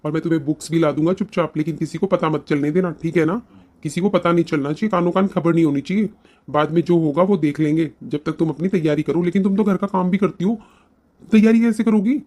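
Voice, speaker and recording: Supportive young cartoon husband, rapid and eager, as a performer voices him. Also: medium pitch, fairly even intonation, dark tone, close to an everyday voice. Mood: reassuring. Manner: fast, eager, reassuring. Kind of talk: cartoon voice acting.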